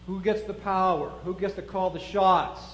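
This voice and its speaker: A man's voice: sits high, fairly even intonation, moderate pace, fairly bright tone, reverberant, a little hiss or hum, poor audio. A man preaching a sermon, building his point through strings of rhetorical questions.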